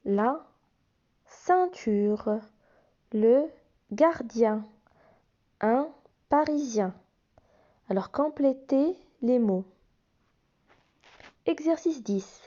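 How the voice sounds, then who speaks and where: A woman's voice: fairly high pitch, animated, extremely slow, pauses often, warm tone, dull audio. A woman teacher walking young children through phonics exercises, patiently spelling out letters and sounds. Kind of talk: phonics lesson explaining workbook exercises.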